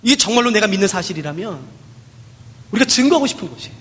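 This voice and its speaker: A man's voice: sits high, sing-song, racing, fairly bright tone, long reverb tail. A man preaching a sermon, telling a story with acted dialogue and dramatic rises and falls.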